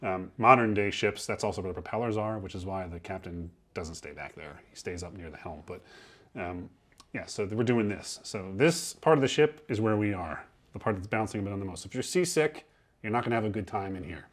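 A museum ship guide in his thirties leads a tour below deck on a historic ship, speaking through a lapel mic. His fairly low voice is expressive and brisk, and he explains things in a chatty way, acting out quoted sailors.

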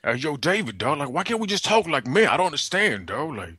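A man's voice: a little high, very animated, fairly quick, pushed and bright, breathy edge, no room sound, full character voice. A man playing a brash, pushy young prank caller who talks in cajoling street slang. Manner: slangy, cajoling, constantly saying "dog". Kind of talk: prank phone call.

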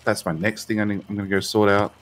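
A man's voice: lowish voice, flat delivery, fast talker. A man co-hosting a game session, with dry, sarcastic remarks. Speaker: co-host and player. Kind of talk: casual gaming chat.

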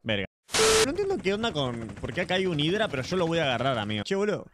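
A man with a Rioplatense Spanish accent giving excited live gameplay commentary, yelling and swearing in bursts. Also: a little high, fast talker, very noisy. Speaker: gaming YouTuber.

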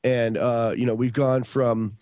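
On a podcast video call, a fifty-something man from upstate New York wanders through casual stories, often restarting and leaning on fillers. His mid-range voice is level and somewhat dark, and he speaks at a measured pace with no room sound.

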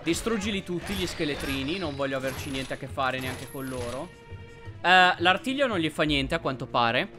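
A man hosting a let's play, commenting on gameplay and yelping excitedly at enemies. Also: a little high. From Italy. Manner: excitable, yelps and shouts at enemies.

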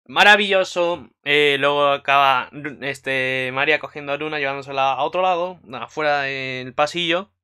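A man's voice: a little high, normal speed, hardly any pauses, clear, resonant tone. Rambling guy recapping anime. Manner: rambling, filler-heavy, excitable. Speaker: anime commentary vlogger. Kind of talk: casual episode recap.

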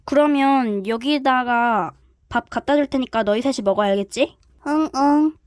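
A woman's voice: fairly high pitch, normal speed, clean tone, dry recording, clean studio sound. A woman telling a toy-play story as the caretaker, calling out cheerfully.

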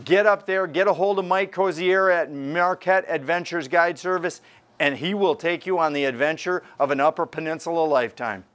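A man's voice: on the high side, moderate pace, fairly bright tone. A man in his sixties hosting a fishing report, talking energetically to camera from inside a tackle store.

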